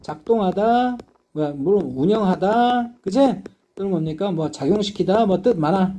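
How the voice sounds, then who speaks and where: This English teacher has a high voice and a moderate pace as he lectures his class. He animates his points with emphasis that climbs and dips, checking again and again that students are keeping up.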